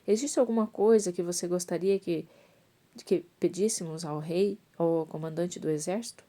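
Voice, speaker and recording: An old, calm, authoritative prophet speaks in a low, mellow voice , as a woman reading a Bible story puts him on. He stumbles and corrects himself now and then, like someone reading aloud. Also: moderate pace, natural voice. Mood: calm instruction. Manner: reads with small restarts and self-corrections.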